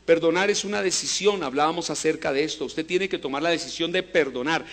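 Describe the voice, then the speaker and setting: A male pastor preaching a sermon, asking the congregation to repeat after him and swinging between loud emphasis and low, hushed lines. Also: a little fast. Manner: preaching with call-and-response to the congregation.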